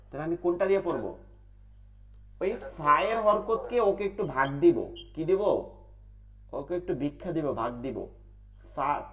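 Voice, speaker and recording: প্রশ্ন করে নিজেই উত্তর দেওয়া পুরুষ কুরআন শিক্ষক. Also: male voice, on the high side. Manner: asks questions and answers them himself, repeats rules in a drill. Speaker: Quran recitation teacher. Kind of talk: online tajweed class.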